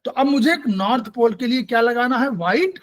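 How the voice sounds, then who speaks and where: A man's voice: very high-pitched, animated, a little fast. A man teaching an acupressure class, explaining patiently and quizzing his students as he goes. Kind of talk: online class lecture.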